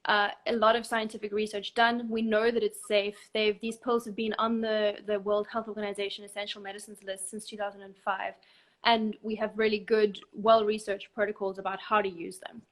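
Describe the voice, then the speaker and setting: A woman, a guest counsellor explaining procedures calmly and step by step in a live online chat. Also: mid-range voice, fairly quick. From South Africa. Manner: calm, methodical step-by-step explaining. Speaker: abortion help desk counsellor, guest expert.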